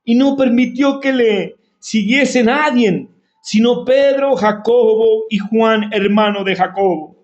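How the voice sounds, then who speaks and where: High-voiced fervent male preacher. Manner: fervent, drawn-out preaching with prayerful exclamations. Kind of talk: sermon. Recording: roomy, dull lo-fi recording with faint music.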